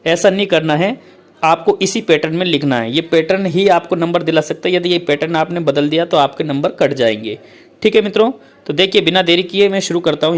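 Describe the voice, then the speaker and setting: A male English teacher explains a letter format to his students in a slightly high voice. Patient and repetitive, he keeps saying "okay, friends," reading the English lines slowly before explaining them.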